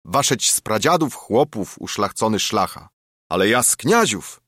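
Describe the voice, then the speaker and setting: A man's voice: on the low side, sing-song, moderate pace, fairly bright tone, no room sound, clean studio sound. A man voicing a boastful, defiant nobleman proud of his princely descent.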